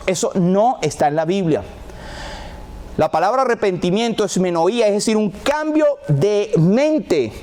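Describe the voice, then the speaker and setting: High-voiced preaching male pastor. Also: darkish tone. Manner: preaching, acting out quoted prayers with rising and falling pitch. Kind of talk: sermon.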